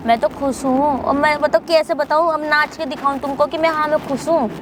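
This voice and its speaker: A woman's voice: sits high, steady tone, brisk, lightly acted. A woman playing a scornful, impatient young wife in a staged outdoor skit, snapping back dismissively. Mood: exasperated. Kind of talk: staged prank skit acting. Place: outdoors in a park. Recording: outdoor park, clear background noise.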